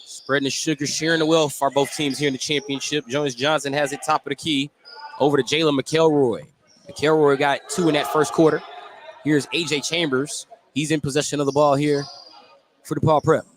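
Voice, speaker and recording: This is a play-by-play commentator calling live basketball on the radio, his voice on the high side and his phrases short and clipped. The setting is an indoor gym during a game, captured as a noisy live sports venue broadcast.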